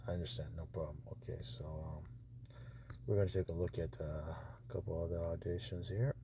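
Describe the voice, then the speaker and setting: A man with a low, creaky voice talks a little fast in fairly even tones, muttering hesitantly as he thinks aloud. He's an audiobook publisher casually commenting over a noisy phone screen recording while reviewing narrator auditions.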